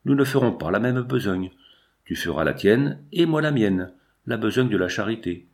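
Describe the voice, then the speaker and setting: A man voicing a compassionate fifteen-year-old girl in an audiobook, speaking with pleading emotion and a lowish voice. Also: lively intonation, normal speed. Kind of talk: audiobook reading.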